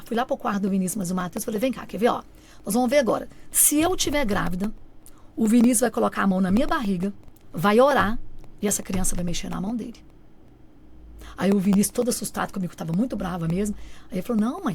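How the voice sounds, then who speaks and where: A woman's voice: mid-range voice, fast, a little hiss or hum. A woman telling an emotional personal testimony on a radio show, animatedly acting out what family and friends said. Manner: animated, often acts out the quoted lines of family and friends. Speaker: guest giving a testimony. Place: radio studio.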